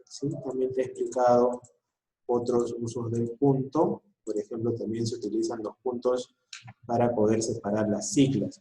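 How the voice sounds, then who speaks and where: Guy teaching an online class, patient, keeps checking everyone follows, warm low-key tone. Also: echoey room, low-quality recording. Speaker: school teacher. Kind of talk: recorded online class explanation.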